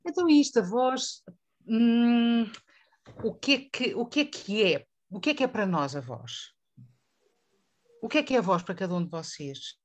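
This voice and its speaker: Woman voice teacher from Portugal with a European Portuguese accent, moderating a panel. Expressive, questions the group, sits a little high. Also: normal speed, pauses often, slight background noise. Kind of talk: panel discussion.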